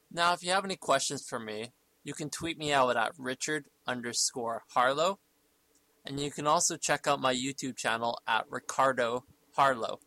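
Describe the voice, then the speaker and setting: A man's voice: mid-range voice, bright, forceful tone, poor audio. A man narrating a scripted segment of gaming tips as its presenter.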